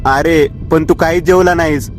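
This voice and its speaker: A man voicing a quiet, troubled young man who speaks gently. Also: on the high side, steady tone, normal speed, faint music behind, close to an everyday voice.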